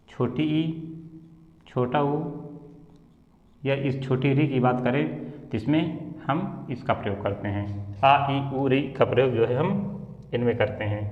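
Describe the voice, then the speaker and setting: Hindi teacher quizzing the class in an echoey room. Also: male voice, medium pitch. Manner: asks questions and answers them himself. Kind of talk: classroom lesson at a board. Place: classroom with a board. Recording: echoey room, dull lo-fi sound.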